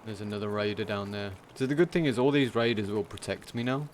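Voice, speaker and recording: A man streaming a game, talking through it in a casual, monotone commentary. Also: lowish voice, quick pace, a little hiss or hum.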